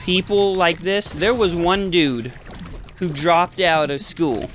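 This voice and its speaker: A man's voice: high voice, takes it slowly, a bit bright, slight background noise. Rambling young man telling a story. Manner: rambling, swears, lots of fillers. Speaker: gaming channel host. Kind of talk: casual storytime vlog.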